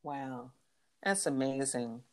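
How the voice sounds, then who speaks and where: A woman's voice: extremely low pitch, animated, takes it slowly. Woman interviewer asking questions. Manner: attentive, frequent backchannel responses.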